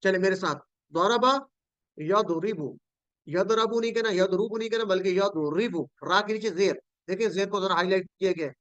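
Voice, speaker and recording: Patient male teacher from Pakistan, smooth high voice, dry lo-fi online-class sound. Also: a little fast, fairly bright tone, no echo. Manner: patient, drills word forms aloud and calls on students. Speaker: Quranic Arabic teacher.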